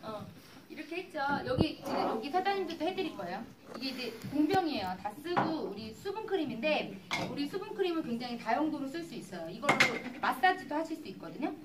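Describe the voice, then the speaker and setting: A woman with a high, very animated voice talks fast while demonstrating skincare to an audience in a hall, chatting and acting out customer exchanges as she tells stories. She's a cosmetics business presenter giving a live seminar. The recording is echoey and distant, with heavy background noise.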